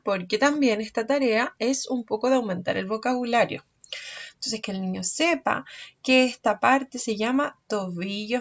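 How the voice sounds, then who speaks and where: A woman with a cold teaches small children in an online lesson. She talks very slowly and patiently, stretching words out and checking understanding. The recording sounds dull and lo-fi. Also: fairly high pitch, a bit bright. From Chile. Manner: slow, patient, checks understanding with frequent questions. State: has a cold. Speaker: preschool teacher.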